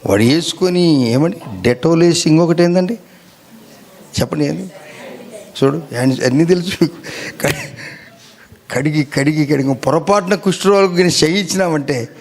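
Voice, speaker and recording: A man's voice: fairly high pitch, normal speed, pauses often, a little mellow. A male pastor preaching a Sunday sermon, calling out for hallelujahs and firing questions at his listeners. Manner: calls out for hallelujahs and amens; fires rhetorical questions at the listeners.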